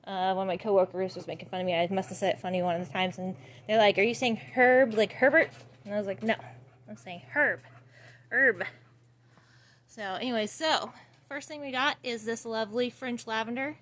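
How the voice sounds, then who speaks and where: A woman from a florist shop chats her way through the store, pointing out plants in an easygoing, rambling manner with plenty of fillers. Her voice sits in a middle pitch, picked up on a phone camera. A faint hum of background noise runs underneath. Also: fairly bright tone. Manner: chatty and rambling, with many fillers. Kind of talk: casual walkthrough video. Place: flower shop and garage.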